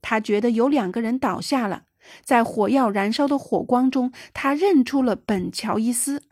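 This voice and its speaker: Woman, storybook narration, somewhat high pitch, dry sound. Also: moderate pace, darkish tone, slightly rough, no echo. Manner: raises pitch and volume for quoted dialogue. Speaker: audiobook narrator. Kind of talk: scripted narration.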